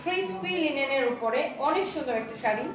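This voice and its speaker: A Bangladeshi woman sells sarees online during a live stream, reading viewers' comments aloud in an eager, chatty patter. Her high voice is animated and fast. Soft music plays in the background, and the room echoes.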